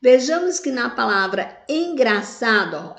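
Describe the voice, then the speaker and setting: A woman's voice: on the high side, very animated, unhurried, creaky, fairly bright tone. A woman teaching grammar, stretching words out syllable by syllable and answering her own questions. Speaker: Portuguese teacher. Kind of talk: grammar lesson. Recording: echoey room.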